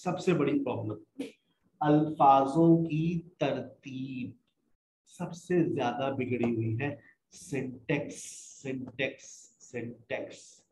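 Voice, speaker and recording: A man with a fairly high voice teaches spoken English at a slow, unhurried pace. He explains patiently and mixes English phrases into his lesson. He is recorded in an echoey room with faint background noise. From Pakistan.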